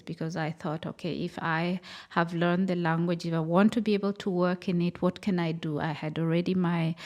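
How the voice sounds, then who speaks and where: A woman's voice: on the low side, darkish tone. A woman from Kenya, a lecturer in her thirties, talking thoughtfully in an interview, with frequent fillers and restarts. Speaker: guest, cultural studies lecturer. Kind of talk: conversational interview.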